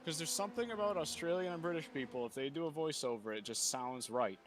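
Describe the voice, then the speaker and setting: A man chatting casually while sim racing, rambling and joking in a flat monotone way. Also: on the high side, fast, slight background noise. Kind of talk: casual chat over voice comms.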